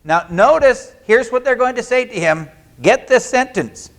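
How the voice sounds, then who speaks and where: Animated high-voiced male preacher. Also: normal speed. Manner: animated, acts out quoted voices. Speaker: pastor. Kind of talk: sermon. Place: church sanctuary.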